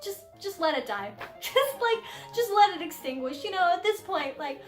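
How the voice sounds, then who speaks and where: A young woman singer explaining a song in a casual lesson, animated and giggly, acting out lines dramatically. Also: very high voice, moderate pace. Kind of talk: casual music lesson vlog. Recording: echoey room with soft piano music.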